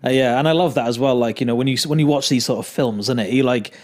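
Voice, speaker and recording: A man's voice: mid-range voice, fast, darkish tone. A man in a casual faith conversation, ending many points with tag questions. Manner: affirming, chatty, ends points with tag questions. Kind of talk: casual Bible discussion.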